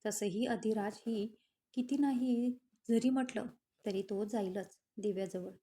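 A woman reading the part of a teasing, brisk young husband in a story. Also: mid-range voice, dark tone, close to an everyday voice. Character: teasing young husband, bossy to his cousin.

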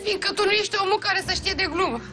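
A woman's voice: very high voice, over music. An actress playing an anxious woman who begs a police chief for help. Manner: pleading, anxious. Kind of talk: sitcom acting.

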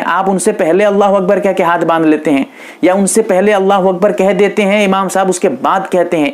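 A man with an Indian accent teaching how to pray behind an imam, explaining patiently and repeating key points. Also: sits high. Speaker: Islamic scholar teaching prayer rules. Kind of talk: religious instruction lecture.

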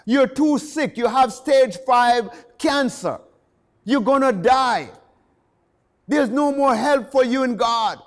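A man preaching a sermon, passionate and rising to shouts on key phrases. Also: extremely high pitch, takes it slowly.

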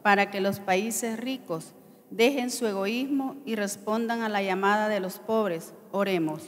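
A woman reading the prayers of the faithful at Mass in a measured, solemn cadence, her voice carrying a long cathedral echo. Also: medium pitch. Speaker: lector reading petitions at Mass. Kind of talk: liturgical reading of intercessions. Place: large church. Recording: long church reverb, faint noise.

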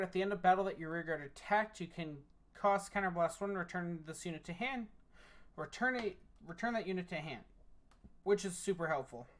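A tired deck reviewer walking through a card game deck casually, reading card text aloud between remarks. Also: medium pitch. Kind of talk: casual deck profile walkthrough.

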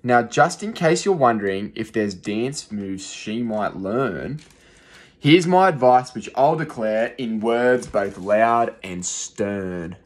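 Here a young adult male teacher reads aloud to young children from a rhyming picture book, rhythmic and expressive, while seated in a small room. The voice sits fairly low and the pace is slow; a phone close in front records him.

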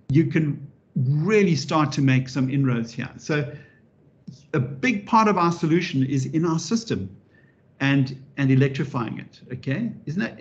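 A man giving an interactive public lecture as a professor, lively and animated, often restarting his sentences and adding wry asides. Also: a little high. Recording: dull lo-fi recording.

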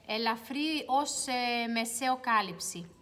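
A woman's voice: fairly high pitch, slight background noise. Chatty young woman on a livestream. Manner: chatty, reads viewer comments aloud, drops to quiet mutters while searching. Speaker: beauty livestream host. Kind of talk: casual livestream chat. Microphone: phone.

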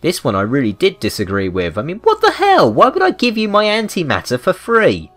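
Over background music, a British man delivers loose, off-the-cuff video game commentary in a wry, mock-indignant tone. He speaks high-pitched and a little fast, his fairly bright voice swinging hugely in pitch.

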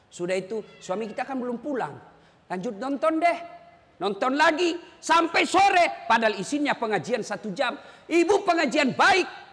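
High-voiced, bright-toned male preacher. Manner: animated, teasing, addresses the audience directly. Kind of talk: humorous sermon. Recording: long hall reverb.

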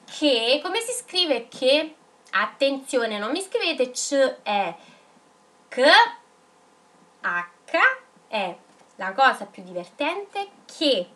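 A woman teaching young children in a video lesson, dictating words slowly and spelling them out syllable by syllable. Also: high-pitched, very animated, a bit bright. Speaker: primary school teacher.

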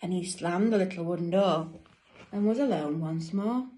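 In a small room at home, a middle-aged woman who teaches infant school reads a bedtime picture book to young children, stopping to ask them questions. She speaks slowly and expressively in a lowish voice, and the low-quality recording comes from a phone or tablet an arm's length or more away.

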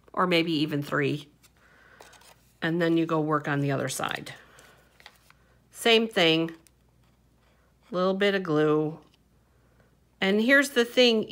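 Woman craft instructor, relaxed chatty step-by-step tutorial, unhurried delivery, bright voice, lowish pitch. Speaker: papercraft instructor. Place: indoor craft table.

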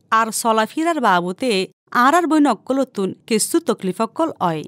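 A woman's voice: on the high side, fairly bright tone, dry recording, clean studio sound. A woman speaking Chittagonian Bengali, hosting and asking questions in a radio-style interview. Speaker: host and interviewer.

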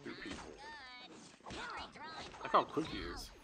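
A man hosting a casual gameplay video, narrating his moves in a playful, excitable way and chatting with his child at home. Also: slow pace. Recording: noisy home recording.

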